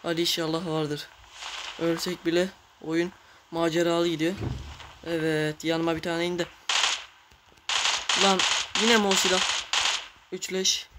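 A man giving casual, excitable commentary while playing a mobile game, cursing and talking to his viewers. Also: fairly high pitch, a little slow, long pauses, background noise. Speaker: gamer.

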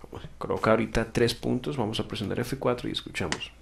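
In a screen-recorded tutorial, a man walks through music software step by step, explaining patiently, correcting himself, and asking "ok?" to check in. His voice sits on the low side and creaky, his pace is quick, and there is slight background noise.

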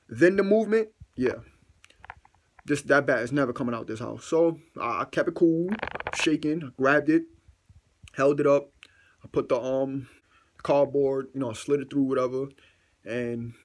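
In a loose storytime monologue, a young vlogger recounts a household mishap, cursing freely and poking fun at himself. He animatedly plays out his own reactions, occasionally leaping up into a high, loud squeal.

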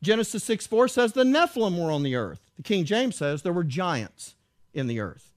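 A man's voice: high voice, very animated, moderate pace. A man giving a teaching talk with slides, reading verses aloud and asking his listeners rhetorical questions. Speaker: Bible teacher.

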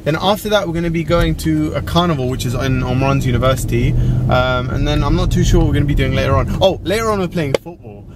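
Young guy vlogging, kinda high voice, casual and playful, clear background noise on the camera. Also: quick pace. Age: 20s. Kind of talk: casual chatty vlog to camera. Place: car interior, outdoors and small rooms. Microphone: camera at arm's length.

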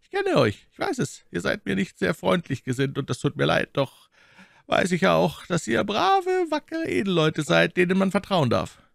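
A man's voice: high-pitched, huge pitch swings, moderate pace, gravelly, no room sound, studio quality, pitched above the performer's own voice, exaggerated voice. A man voicing a commanding, cunning male cardinal with a ringing, imperious tone, in a storybook reading.

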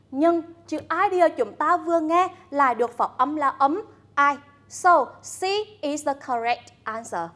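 A Vietnamese-accented woman teaching English to a class, her voice pitched high and clear. She takes her time over every word, pausing to call on students by name. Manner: slow, deliberate, coaxing prompts to students. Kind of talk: bilingual classroom lesson.

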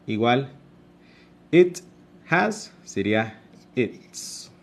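A man's voice: medium pitch, big pitch swings, extremely slow, gravelly. A male English teacher with a Mexican Spanish accent, patiently explaining grammar in a live online class and drawing out his examples.

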